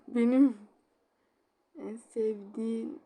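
A woman game streamer chats casually as she plays, giggling often and reading chat messages aloud. Her voice is on the high side, dark in tone and slightly rough, and she draws out her words.

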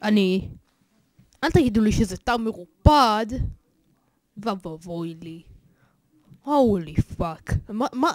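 A man hosting a horror game let's play, excitable and jokey, swearing often and yelling at the scares. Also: high-pitched, dry recording. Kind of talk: gaming commentary.

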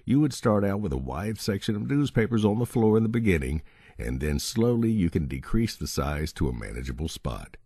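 Deep husky-voiced man narrating a training guide. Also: brisk, no echo, studio quality. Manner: steady, instructive reading. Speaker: audiobook narrator. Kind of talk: scripted narration of a dog-training book.

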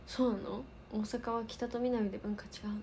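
A woman's voice: on the high side, fairly even intonation, moderate pace, warm tone, a little hiss or hum. A woman in her twenties from Osaka with a light Kansai accent, chatting casually while answering viewer comments on a livestream. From Osaka, Japan. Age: 20s. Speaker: idol livestream host.

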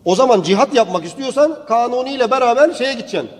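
A male preacher delivers a sermon as a story, often rising into emphatic declaiming. His voice sits high for a man. It carries a long reverb, as if spoken in a large hall. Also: lively intonation, fast talker.

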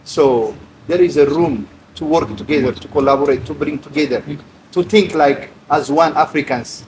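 Speaking from a sofa inside his lounge, a middle-aged man from Eritrea who owns the place delivers impassioned, rallying remarks at a press event. His voice is on the high side and his speed is normal, captured in a noisy room.

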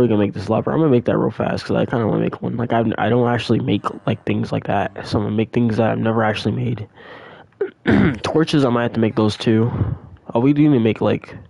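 A young man giving casual, rambling commentary on his survival game, often repeating excited exclamations. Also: medium pitch, gravelly, no room sound. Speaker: gaming channel host.

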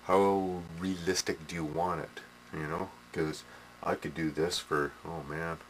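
Middle-aged guy, very low voice, rambling hobby demo, noisy camcorder sound. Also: steady tone, a little slow. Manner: rambling, many fillers and restarts, tags "eh". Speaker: hobby modeler. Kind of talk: casual workshop demo. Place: small indoor workshop. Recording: noisy home camcorder audio.

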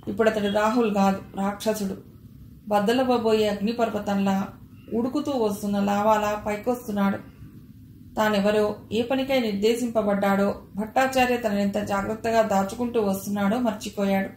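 Lady reading an audio novel, dramatic delivery, middle pitch, echoey room with faint hiss. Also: fairly even intonation, moderate pace, a little mellow. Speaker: audiobook narrator. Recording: roomy echo, faint hiss.

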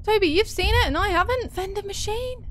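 A woman's voice: very high-pitched, animated, moderate pace, slight background noise. A woman talking to herself as she plays a horror game, jittery and joking, with game music playing behind her. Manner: jittery, talks to herself, jokey. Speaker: gaming streamer. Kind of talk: horror game let's-play commentary.

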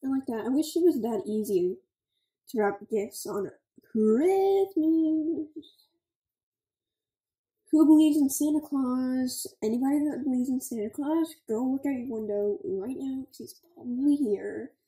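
A woman's voice: high voice, moderate pace, dark tone, roomy sound, low-quality recording. A young woman, giving chatty, scattered gameplay commentary full of "like" and "okay" as a gaming channel host.

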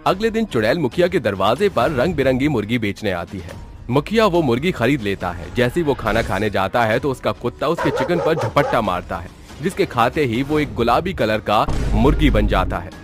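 A man narrating a cartoon horror story in an even, measured storytelling voice. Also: mid-range voice, faint music behind.

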